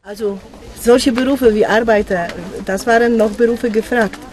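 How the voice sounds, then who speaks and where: An older woman, a former teacher, guiding school groups outdoors at a memorial site, speaking earnestly with halting phrasing. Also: on the high side, fairly even intonation, a little mellow, rough recording. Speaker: tour guide for school groups. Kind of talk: on-site explanation. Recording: outdoor street noise.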